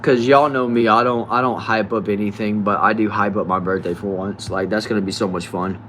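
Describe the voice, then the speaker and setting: A young guy in his late teens, chatting casually on a live stream as he answers comments one by one. His voice sits a little low, and his sentences often drop off softly at the end. A faint hum of air conditioning hangs in the background. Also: brisk. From United States. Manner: relaxed, chatty, trails off quietly at line ends. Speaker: livestreamer.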